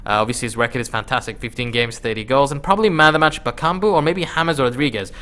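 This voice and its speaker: A man's voice: mid-range voice, fast, pushed and bright. Casual male gaming video commentator. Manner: conversational, informal slang. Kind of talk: casual gameplay commentary and squad review.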